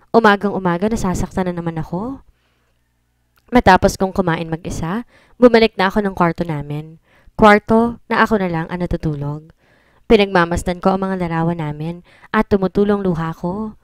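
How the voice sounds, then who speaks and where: A woman's voice: fairly low pitch, smooth, dry recording. A woman narrating a romance audiobook in an emotional first-person reading. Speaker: storyteller.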